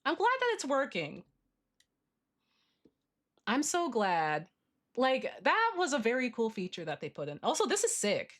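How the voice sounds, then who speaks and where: A woman's voice: a little high, wildly swooping pitch, a little slow, pauses often. A woman livestream host chatting casually while she draws, with a cute, bubbly anime-streamer manner and playful, informal slang.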